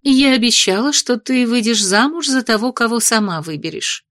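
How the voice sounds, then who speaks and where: A woman reading an audiobook, voicing a noble mother who speaks in a measured, formal, gently reproving way. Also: fairly high pitch, lively intonation, dry recording, studio quality. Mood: tender. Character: noble mother, gentle but stern lady. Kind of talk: audiobook character voice.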